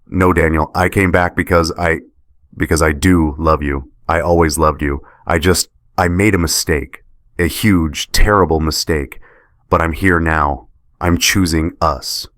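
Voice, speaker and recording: A man's voice: rumbling low, fairly even intonation, unhurried, no echo, studio quality. A man voicing a guilty, tearful wife who pleads and defends herself, in a story narration. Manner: soft, pleading delivery.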